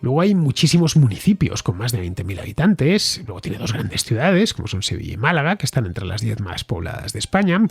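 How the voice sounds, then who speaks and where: Lively, husky male podcast host. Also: medium pitch, fairly quick, hardly any pauses, dry recording. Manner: lively, explanatory, with asides. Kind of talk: commentary answering a listener.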